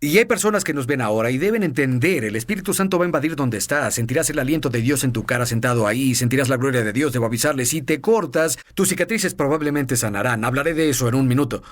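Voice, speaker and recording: A man's voice: mid-range voice, animated, fast, few pauses. A man giving an earnest personal testimony in an interview, telling his story with laughter now and then. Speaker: evangelist guest.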